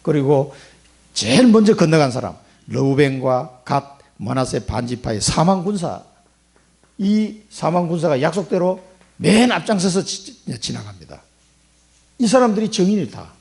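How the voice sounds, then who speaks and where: A man's voice: a little high, vocal fry, a little mellow. A middle-aged man preaching a sermon in church as pastor, asking the congregation rhetorical questions. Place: church sanctuary.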